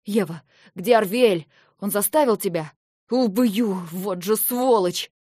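A woman's voice: mid-range voice, slow pace, dry recording, studio quality. A woman voicing a guilt-ridden young king. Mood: anguished. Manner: loud, raw, self-reproaching.

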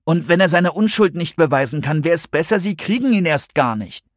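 A man voicing a defiant, stubborn teenage girl in an audiobook, with sharp, indignant retorts. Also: on the high side, animated, a little fast, dry recording, studio quality, pitched above the performer's own voice, close to an everyday voice. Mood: earnest.

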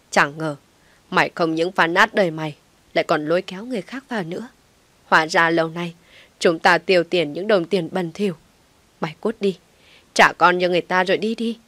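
A woman's voice: fairly low pitch, a bit bright, no room sound. A woman voicing an older mother, heartbroken and reproachful, who wails as she disowns her daughter, in a storybook reading. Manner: wailing, reproachful.

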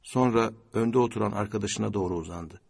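A male audiobook narrator reading literary fiction in a measured, steady manner. His voice is low and husky, with a grainy edge.

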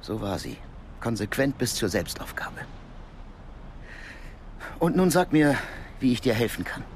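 A male actor with a medium-pitched voice plays a calm, knowing Cold War intelligence contact in a naturalistic German radio drama, explaining matters in a measured, matter-of-fact tone over a little hiss or hum. The mood begins grave and reflective, then turns resolute and discreet.

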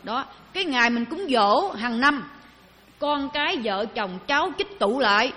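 A Buddhist teacher gives a dharma talk in a conversational way, chatting with her audience and asking them questions. Her voice is a little high, bright and expressive, with a forceful tone and a slightly slow pace. The recording carries a long hall reverb.

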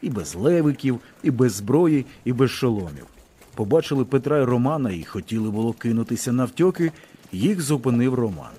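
A man reading a novel aloud as an audiobook, with expressive storytelling. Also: mid-range voice, brisk, breathy edge. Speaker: audiobook reader. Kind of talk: scripted narration of a novel.

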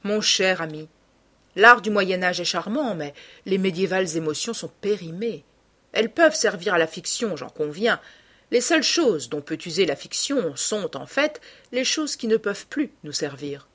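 A woman's voice: medium pitch, expressive, moderate pace, fairly bright tone. A woman voicing a cynical, witty aristocrat. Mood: amused, languid. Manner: languid, epigrammatic, lightly mocking. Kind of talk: audiobook character reading.

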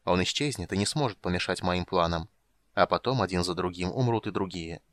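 A man reading the lines of a cold, commanding female goddess in an audiobook, slow and measured. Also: low voice, a bit bright, no room sound. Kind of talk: audiobook character voice.

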